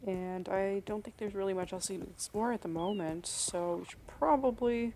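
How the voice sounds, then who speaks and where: A woman's voice: mid-range voice, normal speed, warm tone, a little hiss or hum. A woman hosting a let's play, chatting casually and musing aloud over the game. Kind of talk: casual gameplay commentary.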